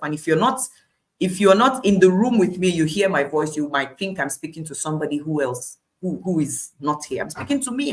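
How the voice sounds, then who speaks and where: A woman with a Nigerian accent preaching a devotional Bible study in an emphatic, declarative way, repeating phrases for weight. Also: deep voice.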